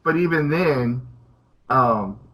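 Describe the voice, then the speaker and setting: A man's voice: medium pitch, lively intonation, takes it slowly, a bit bright, low-quality recording. A man co-hosting a podcast, chatting enthusiastically about a TV episode. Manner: enthusiastic, laughing. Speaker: podcast co-host. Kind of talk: casual chat.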